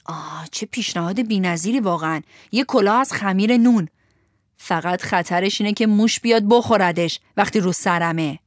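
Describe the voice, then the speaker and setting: A woman's voice: medium pitch, no room sound, clean studio sound, close to an everyday voice. A woman voicing a sensible young boy who answers in a wry, mocking way.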